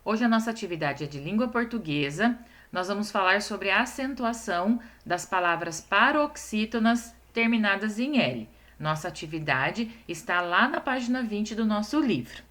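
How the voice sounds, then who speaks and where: A woman in a recorded class for young children, speaking at a middle pitch. She is patient and explains one step at a time, drawing words out slowly to stress each syllable and often pausing to check that the children follow. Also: animated, a bit bright. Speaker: primary school teacher.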